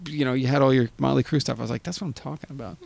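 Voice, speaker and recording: Gravelly podcast host man. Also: mid-range voice, fairly even intonation, rapid-fire, darkish tone, no room sound. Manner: crude, joking banter. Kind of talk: casual chat.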